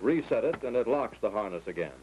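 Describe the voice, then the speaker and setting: In this 1940s training film, an American man acting as flight instructor reads scripted lessons clearly and in orderly steps. His mid-range voice is expressive and he talks fast, heard on a muffled, noisy soundtrack of the era.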